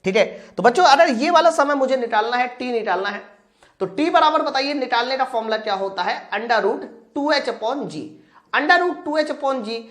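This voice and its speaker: In an informal live lesson, a woman preparing students for physics exams works through practice questions step by step. Her voice is fairly high, and she speaks straight to the class, raising questions and answering them herself.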